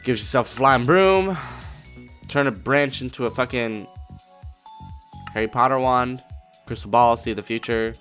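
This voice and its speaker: A man thinking aloud while playing a video game and swearing freely. He jumps quickly between mumbling and excited outbursts. His voice is bright, and faint music plays underneath. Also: medium pitch. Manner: profane, excitable, jokey. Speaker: let's play host.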